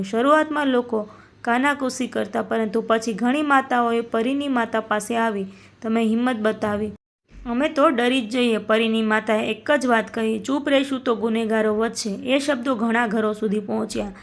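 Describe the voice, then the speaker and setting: Woman reading a sad moral story, kinda high voice, slow and solemn. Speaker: narrator. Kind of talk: scripted narration of a moral story.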